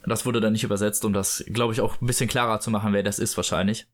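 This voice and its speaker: A man's voice: fairly low pitch, level tone, fast. A man casually retelling a story as a host, loose and full of fillers. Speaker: host reading and discussing a book. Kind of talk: casual chat and book read-aloud.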